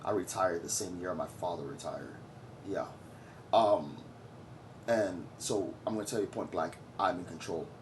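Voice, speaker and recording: A man's voice: deep voice, a little slow, slight background noise. Blunt, boastful man in his forties. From Trinidad and Tobago. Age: 40s. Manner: blunt and boastful, lectures the viewer. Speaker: vlogger. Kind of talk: opinionated commentary.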